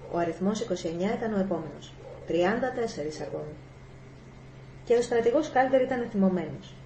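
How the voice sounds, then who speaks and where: Woman audiobook narrator, steady reading; mellow voice, echoey room. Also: mid-range voice, a little hiss or hum. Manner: steady storytelling. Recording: echoey room, faint ambience.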